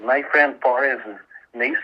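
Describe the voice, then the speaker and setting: A man giving an earnest, halting, emotional personal account as a guest in a radio interview. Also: mid-range voice, little pitch movement. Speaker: interview guest, activist volunteer. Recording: muffled, band-limited radio interview sound.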